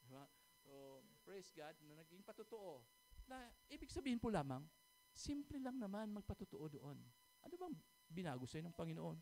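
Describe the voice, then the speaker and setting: A man's voice: sits high, very animated, normal speed, darkish tone. A man preaching a sermon, telling a testimony story and often asking his congregation "amen?" and "di ba?".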